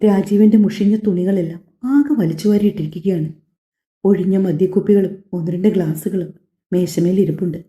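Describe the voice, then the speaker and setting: A woman narrating a family drama audiobook in a steady, even storytelling manner. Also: on the low side, brisk. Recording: echoey, slightly dull home recording.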